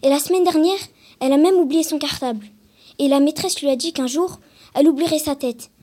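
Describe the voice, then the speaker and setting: A woman reading aloud, voicing an excited little schoolgirl who talks insistently and breathlessly. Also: high-pitched, fairly quick, natural voice. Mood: eager.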